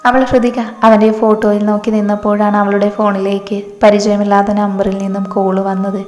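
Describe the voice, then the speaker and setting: Woman narrating in a flat monotone. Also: medium pitch, fairly quick, a little hiss or hum. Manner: steady, monotone reading. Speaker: storyteller. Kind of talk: story narration. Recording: echoey room, long reverb, faint music.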